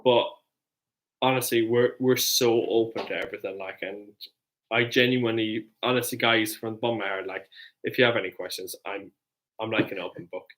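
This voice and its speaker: A man's voice: lowish voice, fairly even intonation, fairly quick, a bit bright. A young Irish man who has had a few drinks, chatting loosely and jokingly as co-host, full of restarts. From Ireland. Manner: rambling, loose and jokey, many restarts. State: tipsy. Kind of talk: casual chat.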